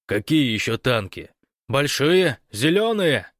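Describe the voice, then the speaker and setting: A man's voice: mid-range voice, big pitch swings, slow, a bit bright, no room sound, studio quality, voice pushed up, full character voice. A man doing a terse, offhand companion.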